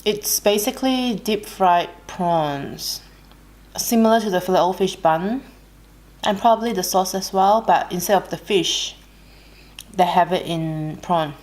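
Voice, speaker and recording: Australian woman, somewhat low voice, casual eating vlog chat, relaxed, unhurried, soft hums between bites. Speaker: mukbang vlogger.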